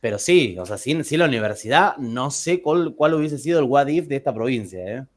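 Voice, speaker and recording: Speaking with an Argentine Spanish accent, a male teacher tells joking anecdotes to his class in a chatty way, often restarting his sentences. His voice is medium-pitched, expressive and fairly quick.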